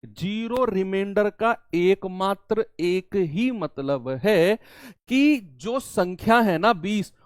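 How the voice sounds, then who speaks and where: A man's voice: high-pitched, no echo, clean studio sound. A man teaching a maths lesson to students, asking questions and answering them himself, repeating each key term twice. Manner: repeats key terms in two languages, asks and answers his own questions. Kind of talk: classroom-style maths lesson.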